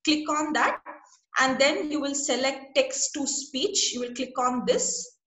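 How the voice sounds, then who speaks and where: Bright, high-voiced woman teaching online. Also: unhurried, reverberant. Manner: patient, checks in often with the class. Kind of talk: online class instruction. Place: online class over a video call.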